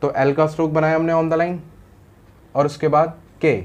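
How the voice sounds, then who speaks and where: A man's voice: on the high side, level tone, moderate pace. A man teaching a shorthand lesson in mixed with English terms. He explains step by step and often checks that the students understood. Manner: explains patiently, often asks "samajh aaya?".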